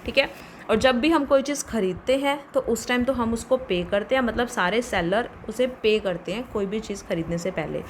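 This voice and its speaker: A woman's voice: fairly high pitch, normal speed, slight background noise. A woman teaching a commerce lesson, explaining step by step and answering her own questions. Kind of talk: classroom lecture.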